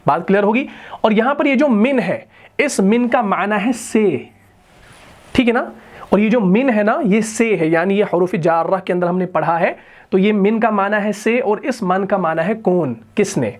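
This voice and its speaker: Patient male Quran teacher explaining. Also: high-pitched. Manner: patient explaining, often checks if students follow; intones Quranic verses in a slow chant. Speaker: Quran and Arabic grammar teacher. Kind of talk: recorded online lesson.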